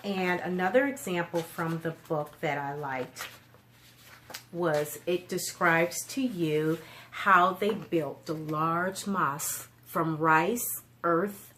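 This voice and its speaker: A woman with a deep, slightly bright voice hosts a children's storytime, talking through books and asking young listeners simple questions. She is a storytime host and book reviewer, and there's a little background noise.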